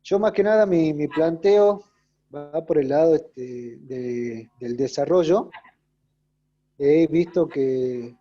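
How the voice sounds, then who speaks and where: Male student, hesitant questioner, dark tone, dull audio. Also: on the high side. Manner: hesitant, halting with many fillers. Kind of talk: question in an online class.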